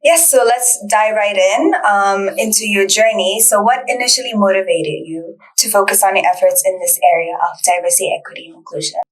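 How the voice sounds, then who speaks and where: A woman's voice: medium pitch, brisk, few pauses. A young woman hosting an interview podcast, giving friendly scripted introductions. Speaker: podcast host. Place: bright studio set. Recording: roomy sound from a distant mic.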